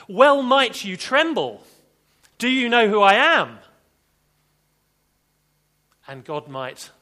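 Male preacher, sermon delivery; unhurried, earnest, slightly high voice, surges of emphasis. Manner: earnest, building to emphatic bursts then dropping soft.

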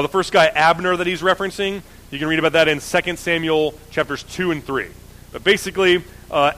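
A man's voice: on the high side, fairly bright tone, rough recording. A man teaching the Bible in a casual, conversational way, often correcting himself. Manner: conversational, self-correcting, many fillers.

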